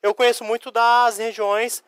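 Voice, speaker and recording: Curitiba man teaching Spanish words slowly. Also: very high voice, little pitch movement, a bit bright, clean tone, no room sound, clean studio sound. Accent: Curitiba Brazilian Portuguese. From Curitiba, Paraná, Brazil. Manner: explains each word slowly, spells out letters, voices imagined student questions. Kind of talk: recorded video lesson.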